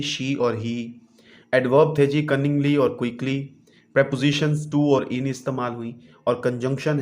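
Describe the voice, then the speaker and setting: A male teacher giving a bilingual classroom explanation. He reads each English phrase slowly, translates it, and keeps adding a polite "ji". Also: medium pitch. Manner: patient, often adds the polite filler "ji".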